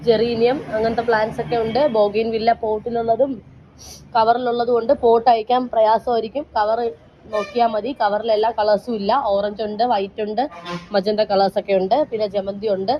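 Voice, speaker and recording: At a plant nursery, a woman selling plants chats casually as she shows them off and urges viewers to place orders. The audio is muffled with slight background noise, and her slightly high voice moves little in pitch at a somewhat fast pace.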